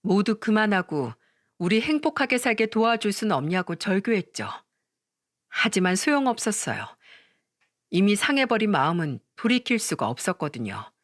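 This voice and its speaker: A woman's voice: mid-range voice, very animated, normal speed, dry recording. Woman narrating a drama story, dry sound.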